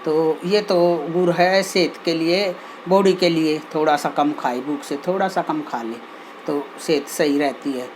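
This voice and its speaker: A woman's voice: deep voice, unhurried, a little mellow, slight background noise, rough recording. A woman telling a homely moral story in a chatty, folksy way, often tossing in little asides to her listeners.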